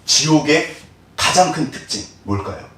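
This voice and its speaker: A middle-aged man preaching a sermon as pastor, animated, telling the story with rhetorical questions and acted-out voices. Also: fairly high pitch, measured pace. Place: church sanctuary. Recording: very echoey hall, distant mic.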